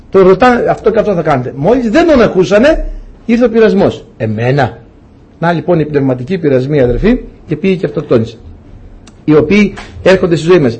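A preacher with a husky, slightly high voice speaks to his congregation. His sermon is conversational, and he acts out the people in his anecdotes. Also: warm tone.

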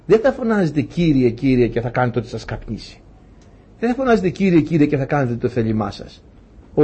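A man's voice: a little high, a little mellow, husky. A man preaching a sermon to his congregation, emphatic, with fervent repeated prayers.

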